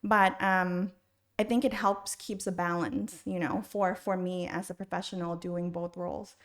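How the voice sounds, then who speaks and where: Her voice is lowish and fairly level in pitch, at a moderate pace, as she conversationally answers interview questions on a podcast. She's a middle-aged school university counselor with an American accent, originally from Thailand and in the United States from age six.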